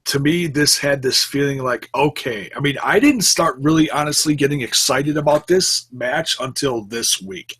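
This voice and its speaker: A married man co-hosts a wrestling podcast, and his voice sits at medium pitch, a little bright with a breathy edge. He tells stories in a laid-back way during the casual chat and laughs easily.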